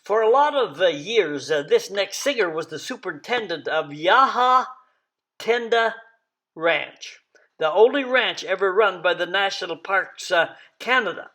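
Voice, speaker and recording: A man with a notably high-pitched speaking voice acts as presenter. He introduces songs in a halting way, stopping often to hesitate between phrases. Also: lively intonation, pushed and bright. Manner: halting, with frequent long hesitations and "uh".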